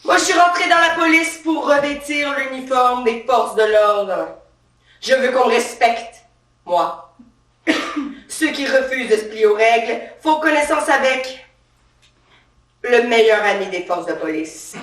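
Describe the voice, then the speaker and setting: A woman's voice: fairly high pitch, animated, unhurried, pauses often, a bit bright. A woman playing a brash trigger-happy cop. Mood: swaggering. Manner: swaggering, defensive, bossy. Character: brash trigger-happy female police officer, touchy and power-proud. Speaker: stand-up character performer. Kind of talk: satirical comedy monologue. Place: theatre stage. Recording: roomy stage sound from far off.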